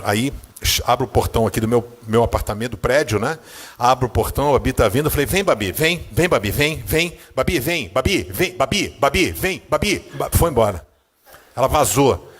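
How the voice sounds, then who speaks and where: Recounting a personal story from the pulpit, a pastor with a Brazilian Portuguese accent acts out each scene. His delivery shifts between a low murmur and high, excited outbursts.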